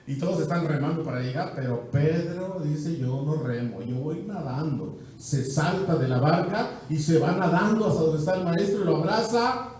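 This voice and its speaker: A male pastor with a Mexican Spanish accent and a fairly high voice preaches an evangelistic sermon at a moderate pace. His rhythmic delivery builds through repeated phrases, then drops into quiet stretches. The mic is far off in a very echoey church hall, with a little hiss or hum.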